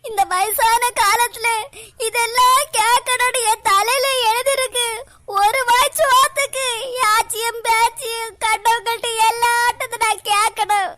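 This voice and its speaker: A woman's voice: extremely high pitch, fairly even intonation, unhurried, sharp tone, heavily acted. A woman voicing a quarrelsome old mother-in-law in a cartoon, scolding and sarcastic, slipping into self-pitying complaint. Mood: crying. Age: older. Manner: scolding, sarcastic, breaks into crying. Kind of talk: cartoon comedy voice acting.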